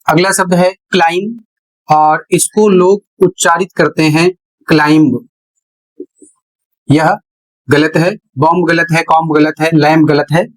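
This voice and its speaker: Slow, deliberate male teacher. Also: fairly high pitch, fairly even intonation, rough recording. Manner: slow, deliberate explaining with repetition. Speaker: English pronunciation teacher. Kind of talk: classroom lesson at a whiteboard.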